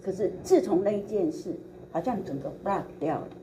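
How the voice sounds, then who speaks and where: A woman's voice: mid-range voice, a little fast, low-quality recording. Older woman telling a testimony. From Taiwan. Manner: animated, acts out quoted dialogue, laughs often. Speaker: preacher giving a testimony. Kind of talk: storytelling testimony sermon. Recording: recording with steady background noise.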